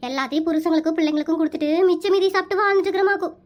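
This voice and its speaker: Rapid-fire and very high-voiced, a woman plays a comic cartoon's put-upon, middle-aged village housewife who speaks with a Kongu Tamil accent. She sounds plaintive, complaining throughout.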